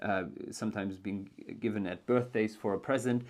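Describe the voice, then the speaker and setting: A man's voice: on the low side, steady tone, normal speed, a little mellow. German man explaining with many ums. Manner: thinking aloud, many ums and restarts. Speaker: educational video host. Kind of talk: casual spoken book explainer.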